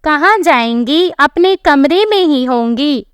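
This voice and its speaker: A woman's voice: high voice, animated, slow, no echo, studio quality. A woman doing a naive young daughter-in-law. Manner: polite, innocent.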